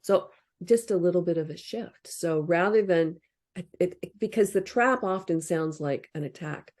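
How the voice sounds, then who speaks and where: A woman's voice: lowish voice, moderate pace, darkish tone. A woman in an interview, explaining relationship advice in a practical, reflective way and acting out example phrases. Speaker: interview guest discussing relationship books. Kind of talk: casual explanatory interview talk.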